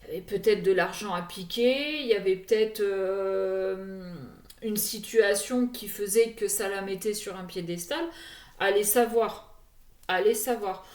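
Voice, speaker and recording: Slow, hesitant woman card reader. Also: medium pitch, a little mellow, reverberant. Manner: hesitant, full of "euh" fillers and restarts. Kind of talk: casual card reading addressed to viewers.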